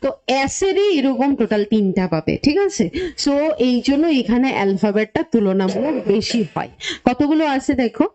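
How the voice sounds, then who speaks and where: A woman's voice: fairly high pitch, lively intonation, normal speed, warm tone, lo-fi sound. A woman teacher explaining a lesson step by step, often checking in with her students and mixing English terms into her speech. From Tripura, India. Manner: mixes English terms into Bengali. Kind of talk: classroom lesson.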